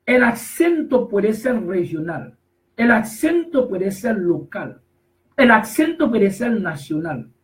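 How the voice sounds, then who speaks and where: A man preaching a sermon, emphatic and repetitive, slowly reading scripture verses and then explaining them. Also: high voice, big pitch swings, distant mic, low-quality recording. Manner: emphatic, repetitive, rises to shouts on key phrases.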